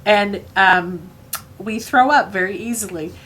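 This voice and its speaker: A woman telling a comic personal story, unhurried, chuckling as she goes, with lots of ums and uhs. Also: mid-range voice, a bit bright.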